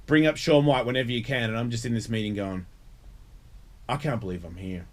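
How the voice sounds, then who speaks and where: A man's voice: mid-range voice, brisk. A middle-aged man chatting casually as a talk show host, blunt, emphatic and sweary. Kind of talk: casual chat.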